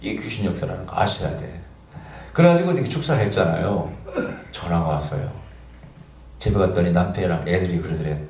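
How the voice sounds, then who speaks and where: A man preaching as pastor, telling a story with lively acted-out dialogue. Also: low-pitched, fairly quick, long pauses, echoey room, slight background noise. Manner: animated, acts out dialogue in the story. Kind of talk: storytelling sermon.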